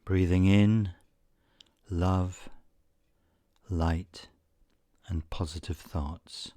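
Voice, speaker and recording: A man with a low, warm, steady voice leads a scripted guided meditation at a very slow pace. He sounds soothing and measured, with frequent pauses. The audio is dry and close, with no room sound.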